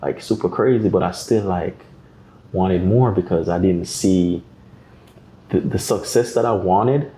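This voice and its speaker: In this rough recording with a bit of hiss or hum, a man with a low voice speaks a little slowly. He's a Jamaican guest artist in a podcast interview, spinning lively stories and imitating the voices of others.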